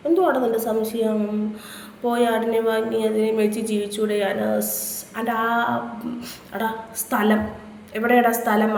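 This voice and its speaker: Brash woman, fairly high voice, crude comebacks, echoey room with faint background noise. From Kerala, India. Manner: brash, trades crude insults with viewers. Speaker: live streamer answering viewer comments. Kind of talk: casual live-stream chat.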